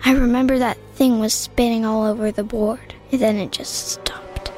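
Brief: timid young girl, voiced by a woman, high and nervous, soft music underneath. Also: fairly even intonation, moderate pace, natural voice. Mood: worried. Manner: anxious, pleading questions.

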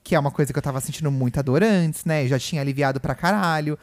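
Um homem com sotaque brasileiro, co-apresentador de podcast, conversando de forma casual num quarto de hospital e contando tudo com emoção. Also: male voice, fairly high pitch, fast. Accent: Brazilian Portuguese. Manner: chatty, emotional storytelling full of "né" and "gente". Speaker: podcast co-host. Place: hospital room.

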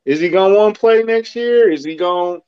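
A man's voice: high-pitched, a little fast, a little mellow, clean tone, dry recording, muffled recording. A man co-hosting a sports podcast, talking blunt and slangy in casual chat with jokes. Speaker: podcast co-host.

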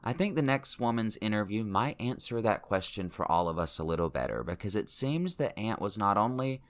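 A man narrating a podcast in a measured, explanatory way. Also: on the low side, very animated. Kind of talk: scripted narration.

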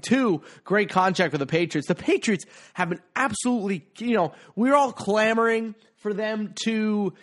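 Man, podcast host, stuffy-nosed, slightly high voice, chatty sports commentary, playful emphasis.

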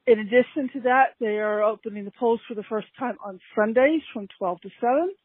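Woman, voice message, husky, slightly high, tinny phone line, brisk. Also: no room sound. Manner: brisk, rattling off figures. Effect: voice message played over a phone line. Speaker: podcast listener caller. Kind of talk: voicemail update.

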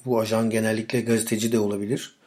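Hoarse, low-voiced man hosting a podcast. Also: level tone, a little mellow. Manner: halting, searching for words with long hesitations. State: slightly hoarse voice. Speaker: podcast host. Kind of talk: informal solo political commentary.

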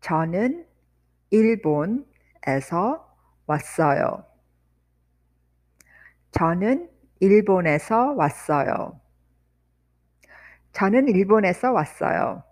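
Woman, language teacher, very slow pace, animated pitch, repeats phrases slowly then fast. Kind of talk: slow, drilled language lesson.

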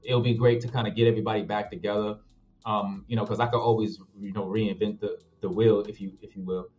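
A man's voice: lowish voice, flat delivery, fast, a little mellow, dull audio. A man who acts and makes films, talking casually about his projects in a laid-back, slangy way. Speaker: actor and filmmaker guest. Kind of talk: casual interview chat.

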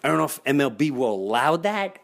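A man's voice: fairly high pitch, sing-song, a little fast, vocal fry. A middle-aged man hosting a baseball fan show, telling stories in a casual, informal way with emphatic repetition and acted-out quotes. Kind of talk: casual chatty storytelling to the audience.

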